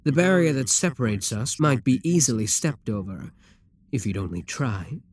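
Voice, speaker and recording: This man takes on the role of a haughty demon king for ASMR, his medium male voice ranging through wide, lively intonation. At a moderate pace, he's grand, courtly, imperious and seductive, sounding softly coaxing.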